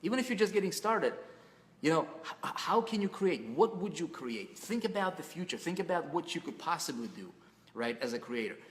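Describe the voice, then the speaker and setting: A man's voice: fairly high pitch, big pitch swings, brisk. A man hosts a webinar in an easygoing, rambling pep-talk manner. He restarts his sentences and leans on fillers as he urges listeners on, and his voice trails off into a long reverb, as if he is talking in a big, hard room. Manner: casual, repetitive, with frequent fillers and restarts. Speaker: webinar host.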